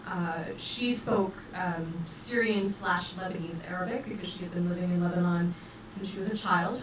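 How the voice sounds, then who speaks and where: In a festival interview, a middle-aged film director who speaks English natively answers thoughtfully and with measure, using many fillers. She has a fairly low pitch. The microphone sits far off in a roomy space, and noise comes through.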